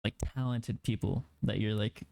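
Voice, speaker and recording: A man's voice: lowish voice, fairly even intonation, moderate pace, gravelly, warm tone, no echo. Young man hosting, dry close sound. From Mexico. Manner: easygoing, rambling questions with fillers. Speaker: podcast host. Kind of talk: casual interview hosting.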